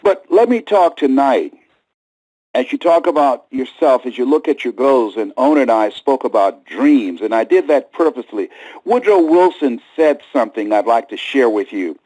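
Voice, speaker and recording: A man giving an emphatic, preacher-like motivational speech, repeating key lines and swinging from low murmurs to high cries. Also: lively intonation, moderate pace, darkish tone, poor audio. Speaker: motivational speaker. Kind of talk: motivational speech to a live audience.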